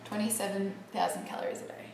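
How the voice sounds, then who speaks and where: A woman's voice: medium pitch, flat delivery, fast, creaky, darkish tone, a little hiss or hum. A young woman chatting casually and jokingly with a friend. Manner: playful, jokey, puts on silly voices. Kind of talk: casual chat. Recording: very echoey room, from a distance.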